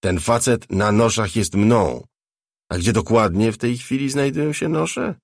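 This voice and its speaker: A man's voice: lowish voice, measured pace, gravelly, no echo, studio quality. A man voicing a cocky, sardonic wealthy man who fires off blunt, probing questions.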